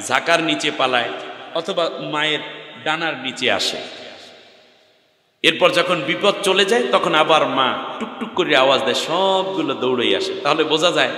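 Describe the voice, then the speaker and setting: A man's voice: fairly high pitch, sharp tone. A man with a southern Bangladeshi Bengali accent preaching a sermon at a large gathering, chanting verses in a sing-song and throwing rhetorical questions to the crowd. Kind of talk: Islamic sermon at an outdoor gathering. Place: large open-air religious gathering. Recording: echoey live sermon PA sound.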